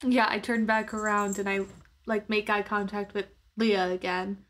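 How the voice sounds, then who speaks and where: At normal speed, in a medium-pitched and level voice, a woman casually narrates her character's actions in a tabletop roleplaying game. She comes across as thoughtful and tentative, searching for the right phrasing.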